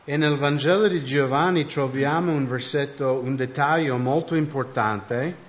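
Brief: male church interpreter, steady reader, occasional self-corrections, lo-fi sound. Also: medium pitch, a little slow. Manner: reads steadily, with small slips and self-corrections. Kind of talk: interpreting a sermon and reading scripture.

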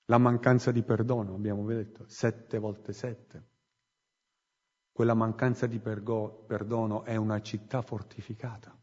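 A man preaching a sermon in a church hall, slow and emphatic, swinging between loud and hushed phrases. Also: fairly low pitch, level tone, breathy edge. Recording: muffled recording with long hall reverb.

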